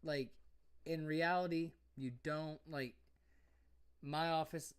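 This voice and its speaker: A man's voice: fairly high pitch, fairly even intonation, slow pace, a crowd in the background. Young man rambling casually. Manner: rambling, repeats himself, says "bro" and "you know what I mean". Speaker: podcast co-host. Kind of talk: casual drunken chat.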